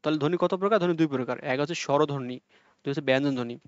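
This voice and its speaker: A man's voice: fairly high pitch, very fast, clean tone, dry recording. A young man teaching an exam-prep lesson, explaining step by step and repeating key points to check that students follow. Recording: dull lo-fi audio.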